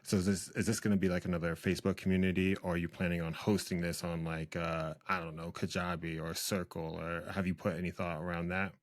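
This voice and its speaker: A man hosting an interview show, asking questions in a relaxed, casual way with some slang. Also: low voice, a little fast, hardly any pauses, no echo, clean studio sound. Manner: relaxed, uses slang like bro. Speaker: podcast host.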